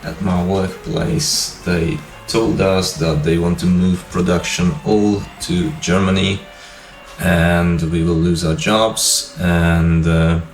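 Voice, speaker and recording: A man in his fifties, originally from Hungary, hosting his own vlog and telling his life story in a relaxed, rambling way. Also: low voice, takes it slowly. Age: 50s. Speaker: YouTube channel host. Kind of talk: casual personal vlog talk. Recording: echoey room with music behind.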